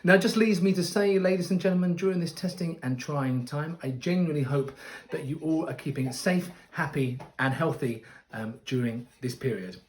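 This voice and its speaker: A man's voice: on the high side, moderate pace. A British man working as a cruise director and entertainer, presenting and telling anecdotes to an audience with a courteous, theatrical showman's delivery.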